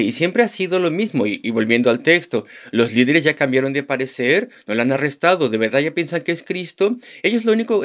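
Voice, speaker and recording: Man preaching a verse-by-verse sermon. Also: medium pitch. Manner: teaching, repeats key phrases for emphasis; poses rhetorical questions to the congregation. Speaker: pastor. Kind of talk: expository sermon.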